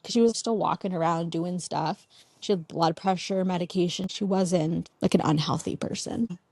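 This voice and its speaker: A woman's voice: fairly low pitch, steady tone, moderate pace, gravelly, darkish tone, no room sound. A young woman talking casually as an interview guest, sharing family memories with many "like" fillers.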